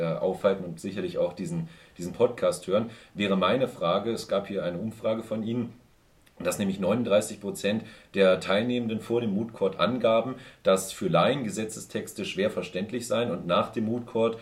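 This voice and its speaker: A young man co-hosts a student podcast, speaking in a very low voice. He asks long, carefully built, formal questions. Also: a little mellow. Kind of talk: podcast hosting, reading questions.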